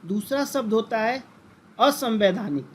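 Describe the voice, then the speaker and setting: With a high, animated voice and an unhurried pace, a man lectures a class, frequently posing questions and repeating key terms. He speaks to his listeners as though they were friends. There's slight background noise.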